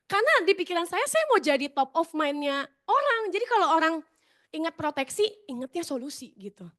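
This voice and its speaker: Chatty high-voiced woman. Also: sing-song, fairly quick, fairly bright tone. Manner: chatty, addresses audience often. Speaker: speaker sharing her sales story. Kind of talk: motivational storytelling talk.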